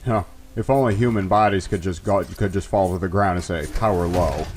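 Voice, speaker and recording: A man with a lowish voice chats casually as a gaming co-commentator. His delivery is wry and joking. There is faint game noise behind him. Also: brisk, a little mellow. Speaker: let's play co-commentator.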